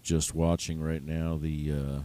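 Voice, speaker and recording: A man hosting a livestream with casual, halting running commentary. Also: a bass voice, little pitch movement, dark tone. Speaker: livestream host.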